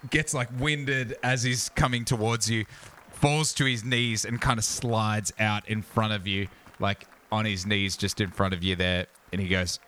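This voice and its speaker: A man narrating a tabletop game as game master, animated and full of fillers. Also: fairly low pitch, unhurried.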